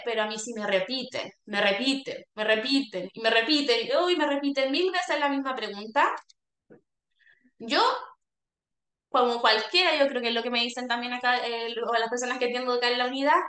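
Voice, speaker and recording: A woman's voice: fairly high pitch, moderate pace, fairly bright tone. A woman, a speech therapist explaining to caregivers in a workshop and often checking in with a questioning "¿ya?". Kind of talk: workshop talk. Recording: echoey room.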